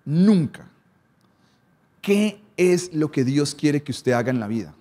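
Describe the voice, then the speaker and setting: This sermon comes from an animated pastor whose voice is slightly high for a man, with a darkish tone. He varies emphasis and pace, running quickly and then slowing for weighty lines, often halting on rhetorical questions.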